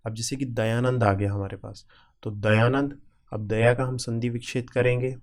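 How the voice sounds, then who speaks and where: A male teacher takes exam students through a grammar lesson at a plain, middle pitch, breaking each word into its parts slowly, piece by piece. Patient, repetitive and flat in delivery, he keeps checking in with the class with "ठीक है".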